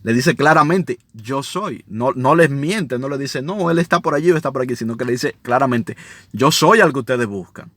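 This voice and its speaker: A man leads a Bible lesson at a medium pitch, reading verses aloud and then explaining them in plain, conversational speech. He keeps turning to his listeners with small prompts. The recording is dry, with no room sound. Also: a little fast, fairly bright tone, no room sound. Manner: conversational, checks in with listeners often. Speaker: Bible teacher. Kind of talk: Bible study teaching, reading scripture with commentary.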